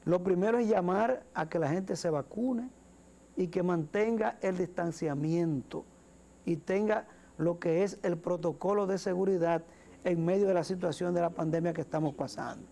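Wearing a lapel mic, a Dominican-accented man in his forties co-hosts a studio talk show, offering earnest political commentary. His high voice is creaky and warm at a moderate pace, and he gestures while speaking and tends to repeat words.

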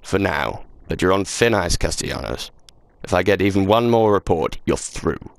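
A man's voice: sits low, animated, normal speed, creaky, no room sound. A man reading game dialogue aloud while alternating between two voices, one of them a vaguely British-sounding official. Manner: swears casually. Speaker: let's play gamer.

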